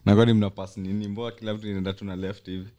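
A man's voice: lowish voice, flat delivery, rapid-fire, mellow. A young man with a Kenyan accent chatting casually as a podcast co-host. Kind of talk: casual chat.

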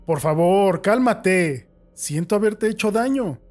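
A man doing a calm, cheerful male captor. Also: high voice, slow, voice pushed up. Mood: soothing. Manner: soothing, gently amused.

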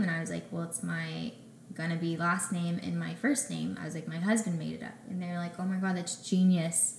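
A young adult woman, a guest on an interview show, telling her story in a casual way and acting out conversations with lively back-and-forth. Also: fairly low pitch, slight background noise. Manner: animated, acts out conversations in quick back-and-forth. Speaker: podcast guest, small bakery founder. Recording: roomy echoey room.

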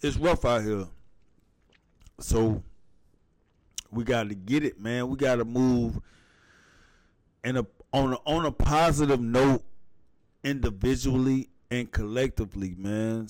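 A man's voice: medium pitch, a little slow, pauses often, a little mellow, dry recording. Blunt laid-back man, dry sound. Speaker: guest. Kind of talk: casual profane chat.

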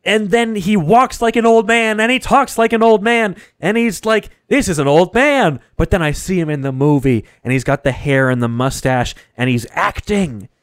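A man chatting casually about a movie, turning loud and high-pitched when he gets worked up. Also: normal speed, hardly any pauses, smooth, no room sound, studio quality.

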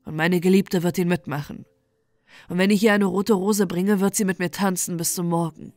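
A woman's voice: fairly low pitch, fairly even intonation, moderate pace, a little mellow, dry recording, clean studio sound, soft background music, lightly acted. A woman voicing a lovesick, despairing young male student in a bedtime storybook reading, lamenting in a dreamy way. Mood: longing.

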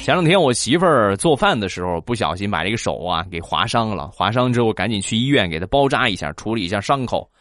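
Lively male comic storyteller. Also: fairly low pitch, quick pace, hardly any pauses, soft background music. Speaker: comedy storyteller. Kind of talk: comic anecdote narration.

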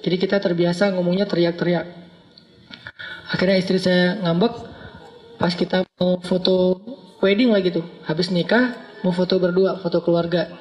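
A man's voice: high voice, level tone, normal speed, long pauses, darkish tone, soft background music. A man from Aceh, giving a casual, humorous storytelling sermon and laughing as he talks. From Aceh, Indonesia. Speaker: preacher.

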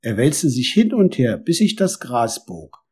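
A man narrating a children's story in a lively storytelling manner. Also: medium pitch, a little slow, breathy edge. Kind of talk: storybook reading.

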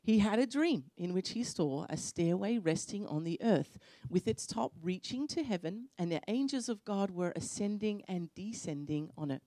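A woman pastor preaching a sermon in short phrases, pausing often for an interpreter. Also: mid-range voice, lively intonation, warm tone, no echo. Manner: pauses often for the interpreter, earnest storytelling. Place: church.

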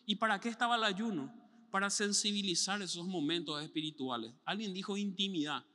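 A man's voice: sits high, brisk, pushed and bright, big-room sound. A man preaching a sermon as pastor, telling stories animatedly, imitating sounds and voices.

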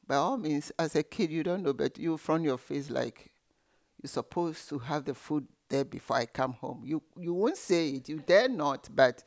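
A man with a fairly high-pitched voice tells stories from his childhood. He explains things in an animated way and drops in many small asides as he goes. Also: normal speed, vocal fry. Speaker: guest. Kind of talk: storytelling in an interview.

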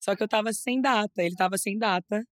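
A young adult woman from Rio de Janeiro with a Carioca accent, chatting lively as a guest, laughing often and restarting her phrases. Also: mid-range voice, fairly quick, no echo, studio quality. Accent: Carioca Brazilian Portuguese. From Rio de Janeiro, Brazil. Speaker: guest model. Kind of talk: casual interview chat.

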